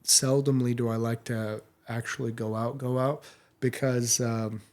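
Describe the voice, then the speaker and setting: A man's voice: mid-range voice, level tone, a little slow, a little mellow. A man speaking as a sommelier guest in a casual podcast interview, with a blunt way of talking.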